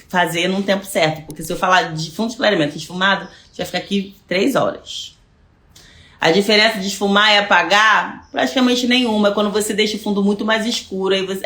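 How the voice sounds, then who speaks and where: A woman's voice: medium pitch, fairly bright tone. A woman with a Brazilian Portuguese accent, a hairstylist giving a chatty live online class and answering viewer questions, often repeating words as she searches for them. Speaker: hairstylist teaching hair lightening. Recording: echoey room.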